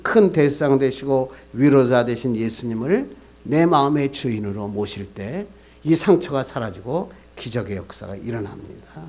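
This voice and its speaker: A man's voice: medium pitch, darkish tone. A male pastor preaching a sermon, asking the congregation questions and answering them himself, building to emphatic peaks. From Korea.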